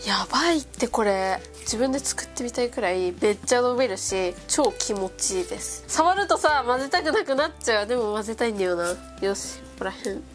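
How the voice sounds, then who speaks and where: A young woman with a stuffy nose from a cold, chatting excitedly as she plays with slime at a table. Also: fairly high pitch, brisk, few pauses. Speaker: slime vlogger. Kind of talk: casual chat. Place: indoors at a table. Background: background music.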